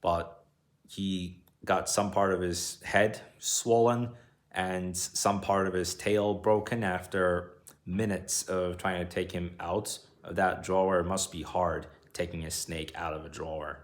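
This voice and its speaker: A man's voice: sits low, steady tone, measured pace, dry recording. A young adult man vlogging in a rambling, casual way, narrating whatever is in front of him. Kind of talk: casual video diary chat. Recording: faint background ambient noise.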